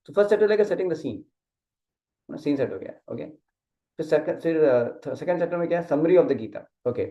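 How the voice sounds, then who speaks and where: A man's voice: on the high side, expressive, moderate pace, warm tone. A man teaching a casual Gita study class, mixing Hindi and English, explaining step by step and often checking that the listener follows. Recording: dull muffled sound in an echoey room.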